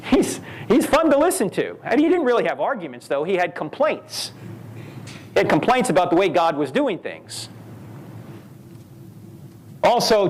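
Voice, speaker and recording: A man giving a live lecture at a university. He talks in an animated way, asking rhetorical questions and telling stories. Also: high-pitched. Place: university event hall.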